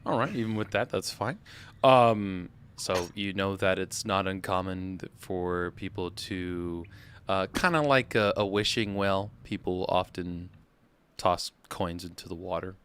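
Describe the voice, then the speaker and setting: A man's voice: sits low, unhurried, fairly bright tone, a little hiss or hum. A man running a tabletop game as game master, narrating casually with an informal, joking way of talking.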